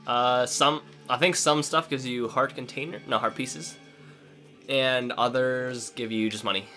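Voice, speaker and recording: Man, let's play co-host, bright and easy voice, jokey rambling chat, quiet game music behind. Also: medium pitch, fairly even intonation, a little slow. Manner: jokey, chatty, rambling with many "like"s. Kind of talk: casual gameplay chat.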